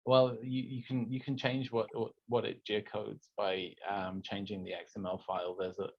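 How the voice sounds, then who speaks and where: Low-voiced instructor on a dull call. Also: male voice, little pitch movement, moderate pace, dry recording. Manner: patient, technical, conversational. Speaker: course instructor answering questions. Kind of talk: online office hours help session. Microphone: video call. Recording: dry, dull lo-fi online call audio.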